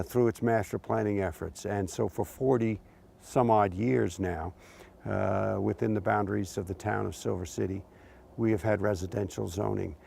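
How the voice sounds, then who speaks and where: A man's voice: on the low side, gravelly, a little mellow. A man, a community resident, speaking earnestly in an interview.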